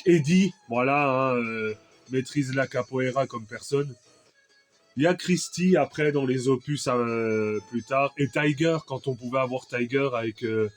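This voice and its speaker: A French man chatting casually about an old video game, rambling with many fillers and restarts. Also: medium pitch. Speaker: retro game collector vlogger. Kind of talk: casual chat.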